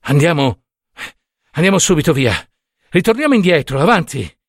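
A man's voice: on the high side, sing-song, moderate pace, slightly rough, no room sound, clean studio sound, voice pushed up, heavily acted. Man playing a breathless flustered husband, raised voice, exasperated, audiobook story. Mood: pleading. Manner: panting, pleading then exasperated.

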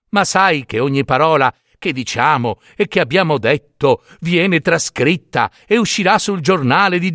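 Man putting on a high scornful young princess. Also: fairly bright tone, no echo, clean studio sound. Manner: shrill, scornful, dismissive. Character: haughty young princess, mocking and imperious.

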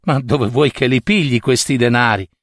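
A man's voice: mid-range voice, moderate pace, no room sound, natural voice. A man voicing a desperate young woman who pleads passionately with her lover, in a dry close reading.

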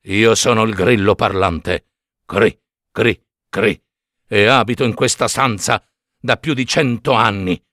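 A man's voice: fairly low pitch, fairly bright tone, dry recording, studio quality, pitched below the performer's own voice. A man voicing a patient, moralizing old male cricket who chirps as he speaks. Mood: lecturing. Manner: slow moralizing, chirps cri cri.

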